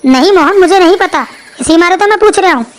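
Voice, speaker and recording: A brash young cartoon villager who scoffs at ghost stories, voiced by a woman. His voice sits very high, and every line comes out blunt and dismissive. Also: lively intonation, quick pace. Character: bold skeptical young village man. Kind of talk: cartoon voice acting.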